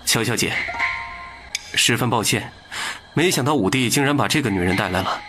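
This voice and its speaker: An actor voicing a smooth, ingratiating, scheming prince hosting a banquet in an animated drama. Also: male voice, mid-range voice, moderate pace, faint music behind, lightly acted.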